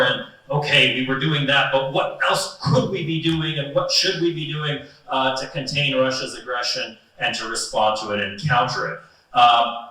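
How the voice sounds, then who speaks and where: A man speaking as a panelist in a measured way, hedging and using frequent fillers. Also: on the low side, sharp tone. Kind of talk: panel discussion. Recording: echoey room, mic far off.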